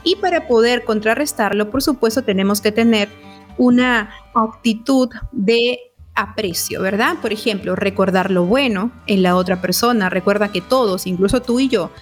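A woman's voice: medium pitch, normal speed, faint music behind. Woman psychologist giving relationship advice. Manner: warm explanatory, frequent check-in questions.

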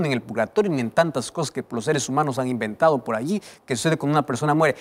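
A male preacher delivers a dramatic sermon with a lively pitch that rises and falls widely. He moves from raised, emphatic exclamations to quiet, almost whispered passages. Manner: dramatic, swings from loud to hushed.

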